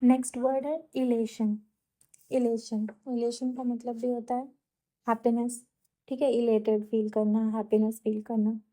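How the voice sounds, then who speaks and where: A woman's voice: on the high side, level tone, a little slow, dark tone. A woman with a Uttar Pradesh–Bihar Hindi accent teaching exam vocabulary in casual Hindi mixed with English, explaining patiently and often checking in.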